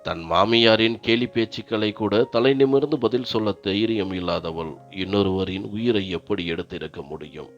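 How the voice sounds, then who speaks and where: A man narrating a first-person story in a grave, steady manner. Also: lowish voice, normal speed. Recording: dull lo-fi narration with faint music.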